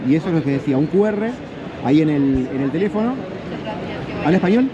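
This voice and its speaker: A man's voice: fairly high pitch, lively intonation, quick pace. A middle-aged man, chatting as he walks a vlogger's camera through a big indoor expo hall. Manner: chatty, friendly, switches to broken English. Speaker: running vlogger. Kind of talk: live walkaround vlog. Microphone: handheld action camera. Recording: loud crowd hall noise.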